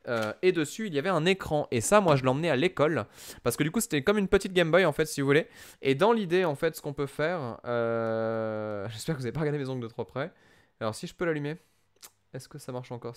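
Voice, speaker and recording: A young man streaming a video game live, commentating excitably, swearing and shouting at the game. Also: on the high side, smooth, no room sound. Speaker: gaming streamer.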